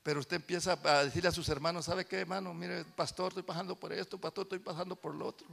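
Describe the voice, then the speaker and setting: A man preaching a sermon as pastor in a church, animated, swinging from soft confiding talk to loud shouting. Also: sits high, fast, gravelly.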